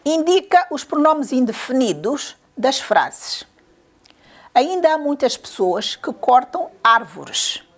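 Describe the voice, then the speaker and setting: A woman's voice: high voice, sing-song, slow pace. A woman teacher giving a grammar lesson to young pupils, patiently repeating questions and counting syllables aloud.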